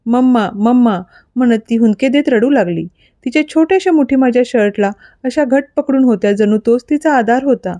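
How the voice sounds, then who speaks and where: A woman reading a dramatic audio story aloud in an expressive, storytelling manner. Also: sits high, brisk, no echo. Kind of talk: scripted narration of an audio story.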